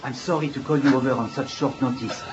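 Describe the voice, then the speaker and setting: A man with an English accent voicing a male resistance officer who calmly and formally briefs a mission in a video game cutscene. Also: medium pitch, brisk, crowd noise, close to an everyday voice. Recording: dull game cutscene audio with music. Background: loud background score.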